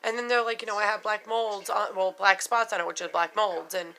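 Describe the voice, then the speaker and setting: With a steady, bright, clear tone at medium pitch and a slightly fast pace, a middle-aged woman tells the camera about her dentures. Her loose, unscripted vlog is frank and chatty, sprinkled with casual swearing and lots of "you know" and "like."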